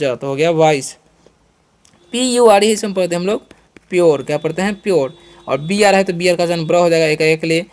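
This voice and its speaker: A man with an Indian accent teaching English vocabulary in a lesson, repeating each question and answer and reading example sentences slowly and deliberately. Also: sits high.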